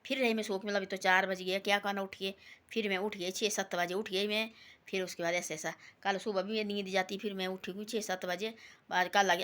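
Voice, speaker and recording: A woman with a bright, ringing voice talks in a casual, rambling way. She retells a simple moral story and slips into quoted lines as she goes. Her delivery is homely and devotional. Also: mid-range voice. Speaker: devotional vlogger.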